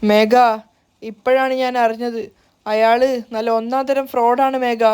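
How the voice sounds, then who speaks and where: A worried, fumbling middle-aged uncle, put on by a woman narrator, pleading and fretting. His voice sits high for a man. It is told in a storybook recap. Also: level tone, measured pace, darkish tone, smooth, natural voice.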